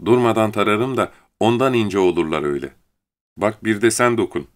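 A man's voice: on the low side, a little fast, natural voice. A man voicing a lonely, vain young farm wife who speaks in a coaxing tone with a lightly raised voice.

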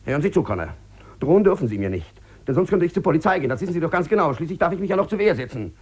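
A desperate broke gambler, feverish and stammering as he pleads on the phone. His husky voice sits fairly high and swings widely up and down. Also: big pitch swings, racing. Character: desperate broke male gambler, sick and in debt. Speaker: lead character in a radio drama. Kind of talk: 1950s radio play acting.

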